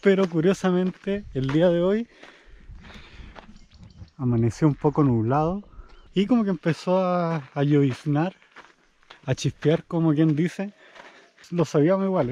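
A man's voice: fairly high pitch, lo-fi sound. A young man, chatting casually to a handheld camera on a rural trail while camping. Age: young adult. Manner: relaxed, chatty, explaining to camera. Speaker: vlogger. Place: outdoors on a rural hiking trail. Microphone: handheld camera at arm's length.

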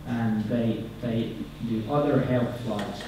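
A man in his thirties with a Finnish accent giving a conference presentation at a podium microphone, halting and repeating words, his phrases trailing off. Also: medium pitch, noisy background. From Finland. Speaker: conference speaker. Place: conference hall, indoors. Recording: echoey hall, picked up from far off.

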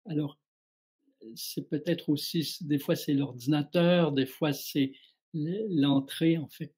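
Mellow, husky-voiced male spiritual guide. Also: on the high side, takes it slowly. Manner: calm, reflective, addresses listeners directly. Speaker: spiritual guide answering viewer questions. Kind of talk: live spiritual guidance show.

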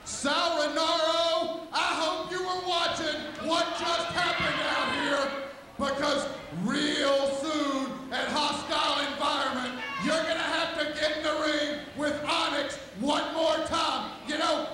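High-pitched man cutting a slow wrestling promo. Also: flat delivery. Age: middle-aged. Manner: taunting, menacing, emphatic declaiming into the microphone. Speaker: wrestling manager. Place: large indoor wrestling arena, in the ring. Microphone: handheld microphone. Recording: echoey noisy arena PA, distant, crowd. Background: crowd noise.

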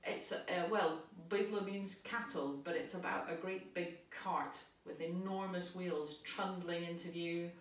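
A woman's voice: on the low side, steady tone, measured pace, few pauses. A woman music tutor giving cheerful, encouraging step-by-step instructions to young players. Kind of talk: friendly instructional talk. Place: unfamiliar large venue. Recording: echoey venue, voice from a distance.

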